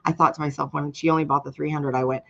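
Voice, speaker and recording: A woman's voice: sits low, fairly even intonation, fast talker, creaky, lo-fi sound. A woman in her fifties giving an earnest, emotional testimonial, speaking straight to her viewers. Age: 50s. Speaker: program member sharing her story. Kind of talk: candid personal testimonial.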